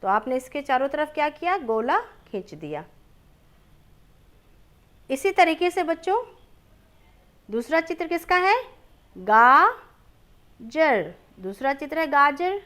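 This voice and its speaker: Female teacher for a kids' lesson. High and lively, slow and drawn out, answers her own questions. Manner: slow and drawn-out, stretches each word; asks children questions, then answers them herself. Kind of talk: children's lesson, reading aloud.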